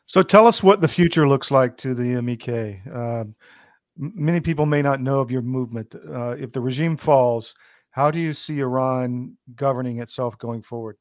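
A man's voice: mid-range voice, normal speed, no echo, studio quality. A man asking questions as the interviewer in a spoken interview.

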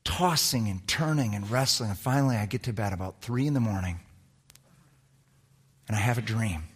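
In a husky voice at normal speed, a man preaching as a pastor recounts a personal story, his delivery animated and moving from loud emphasis to hushed, low tones in this storytelling sermon.

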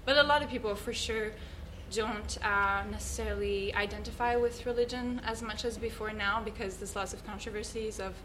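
A woman speaks as a guest in an interview. She tells her story in an earnest, thoughtful way, pausing to search for the right words. Her voice sits at a middle pitch. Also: fairly even intonation, fairly bright tone, a little hiss or hum, rough recording. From Switzerland. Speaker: guest, yoga teacher. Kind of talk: reflective personal storytelling.

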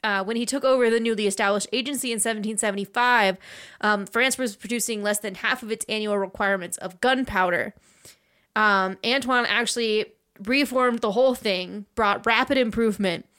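A woman's voice: medium pitch, brisk, fairly bright tone, smooth. A woman hosting a podcast, telling science history in a loose, chatty way with fillers. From United States. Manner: chatty, laughs often, loose storytelling. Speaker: podcast host. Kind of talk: casual podcast chat about science history.

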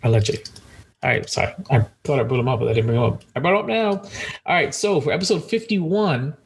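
A man's voice: fairly high pitch, expressive, quick pace, vocal fry, slight background noise. A man co-hosting a podcast, chatting casually in a joking, rambling way with many restarts. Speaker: podcast co-host.

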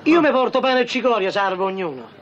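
An actor playing a wary fellow fan, asking doubtful questions. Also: male voice, sits high, very animated, fast, fairly bright tone, slight background noise. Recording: dull lo-fi film soundtrack.

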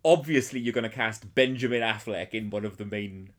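A man in casual film chat, sardonic and full of swearing, with bursts of animated outrage. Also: lowish voice, fairly quick.

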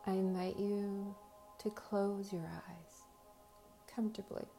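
A woman speaking as a slow, soothing hypnotist, guiding relaxation in short soft phrases with long pauses. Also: medium pitch, fairly even intonation, gravelly. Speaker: host of guided meditation and hypnosis sessions. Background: faint music.

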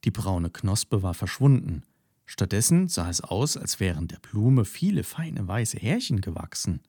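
A man narrating a children's story in an expressive storytelling way. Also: fairly low pitch, measured pace, breathy edge, dry recording, clean studio sound.

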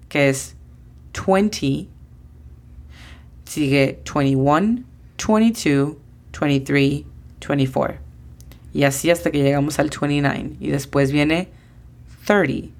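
A woman's voice: sits low, creaky. A woman teaching an English lesson in a podcast, patiently spelling out pronunciations letter by letter.

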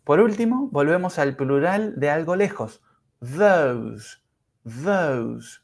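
A man teaching English pronunciation in a podcast lesson, speaking carefully and demonstrating sounds slowly. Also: fairly high pitch, expressive, a little mellow. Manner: slow, careful, exaggerated pronunciation drills.

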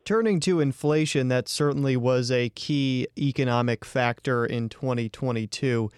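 Smooth-voiced radio interviewer, dry studio. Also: male voice, mid-range voice, moderate pace, no echo. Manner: direct, plain questions.

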